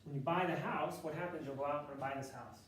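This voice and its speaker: This is a man teaching math, his voice loud and a touch high, his tone easygoing and talkative. He reasons out loud, revises his words partway through, and pads pauses with ums. The classroom is very echoey, he's far from the mic, and there's a faint hum of room noise.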